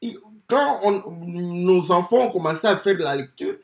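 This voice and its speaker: A man preaching a sermon, teaching slowly with many fillers and repeated words. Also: high-pitched. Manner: slow, lively teaching with many fillers and repetitions. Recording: echoey room.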